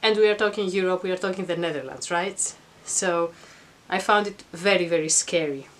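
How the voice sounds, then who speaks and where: A woman's voice: fairly low pitch, moderate pace. A middle-aged woman giving an informal explanatory talk to camera in a reflective, earnest, conversational manner. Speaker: vlogger. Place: attic at home.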